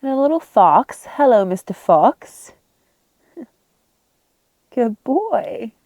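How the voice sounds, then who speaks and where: Unhurried woman vlogging with a soft, mellow voice. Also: a little high, no room sound, dull audio. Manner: enthusiastic, easily excited, laughing. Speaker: travel vlogger. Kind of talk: casual vlog narration. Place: outdoors on rural mountain land.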